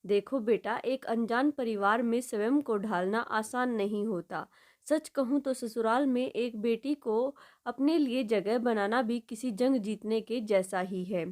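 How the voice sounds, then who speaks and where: A woman storyteller voicing a caring middle-aged mother who speaks softly and soothingly to her grown daughter in a told story. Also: on the high side, a little slow, lightly acted. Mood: tender.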